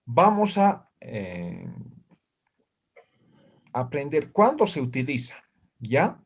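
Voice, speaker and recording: A male language teacher gives a classroom lesson in a medium-pitched, slightly breathy voice that swings hugely in pitch as he speaks slowly. He checks in with short questions after nearly every phrase, and students can be heard answering in the room.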